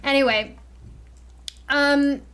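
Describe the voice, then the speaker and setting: High-pitched woman streaming a chatty lecture, lots of "like" and "you know", talks from a home desk mic. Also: fairly even intonation, extremely slow, a bit bright. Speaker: streamer explaining memetics. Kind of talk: casual livestream lecture.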